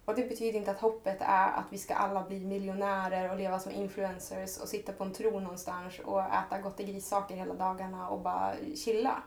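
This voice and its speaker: A woman's voice: mid-range voice, level tone, vocal fry, hardly any pauses. Earnest woman in an echoey room. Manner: earnest, heartfelt, speaks in long flowing thoughts. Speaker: podcast guest. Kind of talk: reflective personal conversation.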